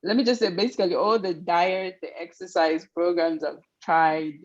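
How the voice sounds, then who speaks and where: Woman, 40s, lowish voice, hesitant casual introduction, muffled call audio. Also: fairly even intonation, normal speed. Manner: hesitant, searching for words. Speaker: webinar participant.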